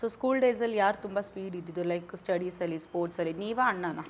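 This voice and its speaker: A woman's voice: fairly low pitch, fast, a little hiss or hum. A woman hosting a podcast interview, asking questions and giving frequent short murmurs of agreement. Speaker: podcast host.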